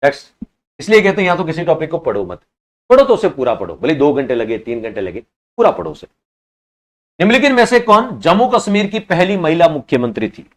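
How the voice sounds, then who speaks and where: A man teaching an online exam-prep class, quizzing students and repeating each answer, at times scolding them for slow replies. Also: fairly high pitch, very animated.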